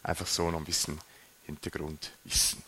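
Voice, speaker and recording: A man preaching a sermon, animated, his voice rising and dropping sharply for emphasis. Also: very deep voice, moderate pace, husky.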